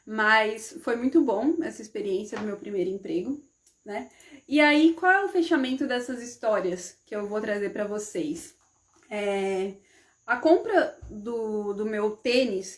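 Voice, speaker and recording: A woman with a slightly high voice, talking casually on a live stream about her own life. She keeps checking in with her listeners and slips into the voices of the people in her stories. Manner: chatty, often adds "né?" and addresses the audience as "gente"; acts out the dialogue in her stories. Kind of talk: casual personal storytelling.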